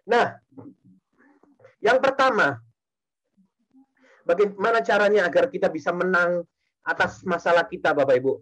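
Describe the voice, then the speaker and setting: High-voiced man preaching a personal testimony. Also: unhurried, long pauses, a bit bright, low-quality recording. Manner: repeats phrases and keeps addressing the congregation. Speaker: speaker giving testimony. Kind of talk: testimony sermon.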